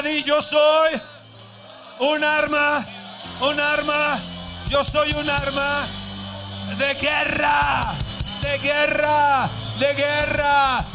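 A man preaching a sermon, moving from calm Bible reading to fervent shouted declarations, recorded live in a church hall. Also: extremely high pitch. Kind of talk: sermon with prayer.

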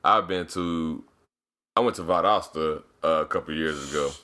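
A man's voice: a bass voice, normal speed, bright, forceful tone. A man co-hosting a podcast in casual chat, tossing in joking asides and laughs. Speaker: podcast co-host.

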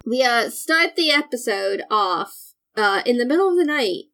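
Higher-voiced woman, rambling casual podcast host. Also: animated, moderate pace, a bit bright, a little hiss or hum. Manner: rambling, digressive. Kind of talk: casual chat, recapping an anime episode.

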